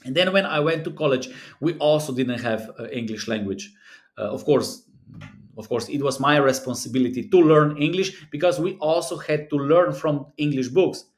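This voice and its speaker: Speaking at a moderate pace with a fairly high pitch, this European man works as a sports betting analyst. His native tongue is a South Slavic language, and he's doing screen-recorded commentary in a small indoor space. He goes over the numbers earnestly and repetitively, with lots of filler words.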